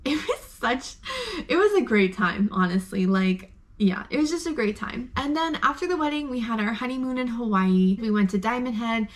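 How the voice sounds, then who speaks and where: Young woman from Arizona, slightly high voice, gushing casual vlog chatter full of fillers. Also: expressive, moderate pace. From Arizona, USA. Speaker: vlogger. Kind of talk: casual chat.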